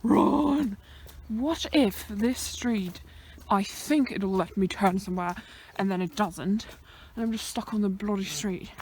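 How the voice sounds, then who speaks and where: A woman's voice: mid-range voice, measured pace, a little mellow, slight background noise. A young woman vlogging on a hike, chatting and rambling to herself, a little out of breath, on a country road. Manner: chatty, rambling, talks to herself, swears lightly. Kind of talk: rambling vlog chat on a walk. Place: outdoors on a country road beside a fenced field. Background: passing cars.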